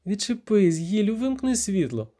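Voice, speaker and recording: Guy doing an angry young woman in an audiobook, high shrill snapping voice, kinda dark tone. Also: animated, moderate pace, natural voice. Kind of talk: audiobook reading.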